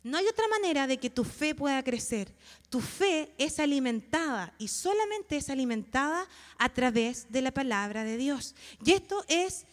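A woman delivers a sermon in a high, bright voice. She speaks earnestly and emphatically. She keeps turning to her listeners with questions. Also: lively intonation, moderate pace, in a large hall. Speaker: preacher.

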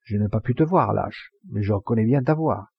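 Young woman hurling accusations, voiced by a male reader: raised, husky, gravelly, dull lo-fi sound. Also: fairly low pitch, expressive, fairly quick, exaggerated voice. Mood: accusing.

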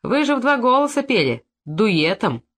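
A woman's voice: fairly high pitch, very animated, moderate pace, a bit bright, pitched above the performer's own voice. Woman reading a cocky, surly petty thief. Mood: taunting. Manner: mocking, insolent, grumbling.

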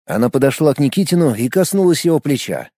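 A man reading an audiobook with expressive storytelling. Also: medium pitch, quick pace, no room sound, clean studio sound. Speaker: audiobook narrator. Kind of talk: scripted narration.

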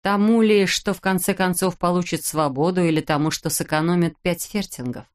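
An audiobook narrator reading a children's story in an even storytelling manner. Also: medium pitch, a little fast, clean tone.

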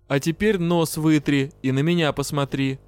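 A man doing a blunt, gruff dark elf. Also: a little high, lively intonation, measured pace, no room sound. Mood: scolding. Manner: gruff, teasing, bluntly scolding. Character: brash, blunt male dark elf partner. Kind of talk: audiobook character voice.

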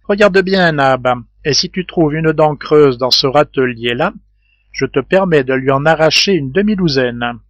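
A man's voice: on the high side, measured pace, no echo, lightly acted. A man reading an audiobook who voices a bold, boastful male sailor eager to persuade his companions. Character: bold hearty male sailor, sure of himself.

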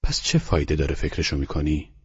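A bossy, practical older woman, played by a male narrator in his own deep, husky voice, giving brisk commands. Heard in an audiobook on a dull, lo-fi recording. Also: sing-song, full character voice. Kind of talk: audiobook character reading.

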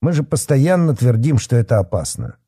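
A stern officer who takes charge, as a man reads him. Slightly raised, clipped and authoritative, with a husky, darkly mellow tone. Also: medium pitch, very animated, fairly quick, dry recording, studio quality, voice pushed up. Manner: stern, curt, commanding. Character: stern middle-aged police chief, calm authority.

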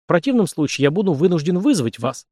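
A man's voice: on the high side, sing-song, fast, warm tone, dry recording, clean studio sound, voice pushed up. A man voicing a nervous, pompous young nobleman in a storybook reading. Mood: indignant. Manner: stammering, pompous.

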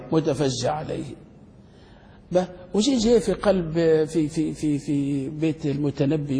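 Man, sheikh teaching a class, mellow high voice, quizzing questions, echoing hall. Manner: quizzes students with quick questions; halting restarts while searching words. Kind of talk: classroom lecture. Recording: long hall reverb.

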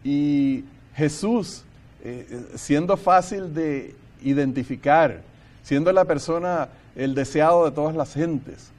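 A man's voice: on the high side, slow pace, a little mellow. A man leading a Bible study discussion, talking earnestly and thinking aloud, and sometimes reading scripture passages aloud.

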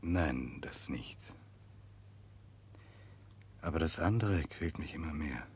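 An actor in a 1960s German radio drama playing a brooding, remorseful prince, grave and introspective. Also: male voice, extremely low pitch, lively intonation, takes it slowly, a little hiss or hum, heavily acted. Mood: tormented. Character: brooding, remorseful Russian prince searching for redemption.

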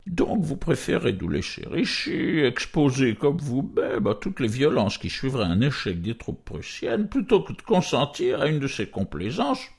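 A man's voice: medium pitch, huge pitch swings, moderate pace, gravelly, few pauses, husky, voice pushed up, exaggerated voice. A man voicing an older aristocratic count who talks in a coaxing, paternal, persuasive way. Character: older male count, smooth, condescending aristocrat.

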